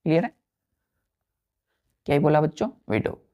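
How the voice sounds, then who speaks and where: A woman's voice: low-pitched, lively intonation, moderate pace, dull audio. A woman teacher gives a vocabulary lesson, spelling words letter by letter and counting aloud. She repeats each word and keeps checking that her students follow.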